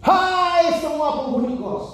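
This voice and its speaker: Guy doing a loud cocky young boarder yelling announcements, real high, big echoey room. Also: huge pitch swings, moderate pace, far from the mic, a little hiss or hum, exaggerated voice. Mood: brazen announcing. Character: brazen young male boarding-house tenant. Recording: echoey church hall.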